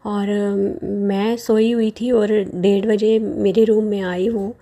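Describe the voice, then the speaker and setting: Woman in her 40s sharing a devotional story, slow earnest talk, flat even pitch, soft mellow voice. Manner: addresses listeners as sangat ji; slow, earnest, with frequent pauses.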